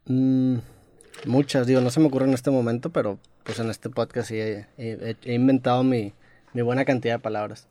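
A man's voice: mid-range voice, fairly even intonation, normal speed, dark tone, dry recording. A young Mexican man co-hosting a podcast, explaining things in a wry, chatty way. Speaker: podcast co-host. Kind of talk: casual chat.

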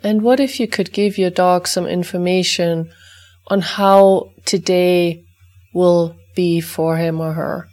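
Calm woman guiding an energy exercise. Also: on the low side, takes it slowly. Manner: calm, repetitive incantation-like clearing phrases. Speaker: energy healing teacher. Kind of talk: guided energy exercise for dog owners.

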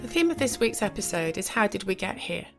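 A middle-aged woman with a croaky voice from a cold, hosting a podcast in a measured, reflective monologue. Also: medium pitch, big pitch swings, music in the background. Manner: measured, reflective delivery with occasional restarts. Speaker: podcast host.

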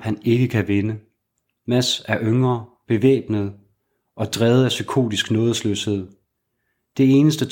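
A man narrates a crime thriller in the manner of an audiobook. His voice sits somewhat low, and he keeps his storytelling measured and even throughout.

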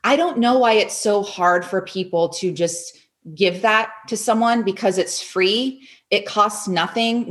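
A woman who is a coach and author, a guest on a podcast interview, talking energetically and acting out her own inner voice with emphatic bursts. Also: mid-range voice.

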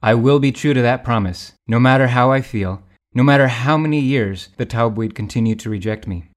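A man's voice: medium pitch, brisk, natural voice. A man playing a resolute praying missionary. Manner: resolute, prayerful. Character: determined male missionary praying aloud. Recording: guitar music underneath.

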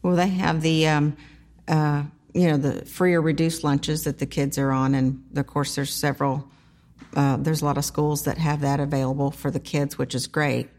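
Low-pitched woman, halting and plain-spoken. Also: flat delivery, a little mellow. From small town in South Carolina, United States. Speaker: interview guest, food pantry organizer. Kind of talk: casual conversational storytelling.

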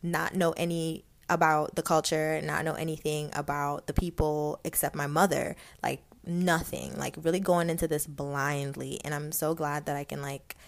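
A woman's voice: low voice, flat delivery, moderate pace, creaky, few pauses. A young woman from Guyana with a light Guyanese accent, hosting a casual podcast and telling her own story in a chatty, candid way with lots of fillers. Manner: chatty, candid, laughs often, many fillers. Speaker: podcast host.

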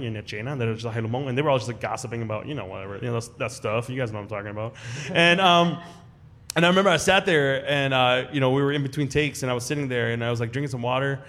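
A man guest, from the United States, telling animated stories at a live show, full of "like" and "you know". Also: medium pitch. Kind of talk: animated storytelling.

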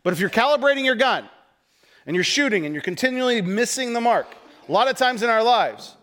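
A man preaching a conversational sermon, mixing folksy stories and self-deprecating humor, rising to loud emphasis and dropping to quiet asides. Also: very high-pitched, lively intonation, a little fast. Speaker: pastor.

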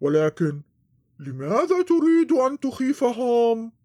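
A woman voicing a boastful but cowardly green monster with sharp teeth in a children's story, grumbling and blustering. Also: a little high, sing-song, unhurried. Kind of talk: storybook voice acting.

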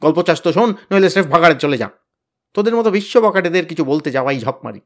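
A man doing a loud, bossy teenage gang leader. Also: a little high, normal speed, lightly acted. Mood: boasting. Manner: loud, threatening, boastful. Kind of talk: storybook reading.

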